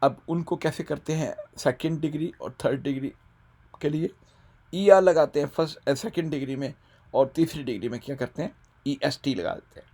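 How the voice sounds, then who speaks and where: A man with a Punjabi-Urdu accent teaching an English grammar lesson. He explains step by step, asks rhetorical questions, and slows right down to read out English example sentences. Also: a little high, warm tone.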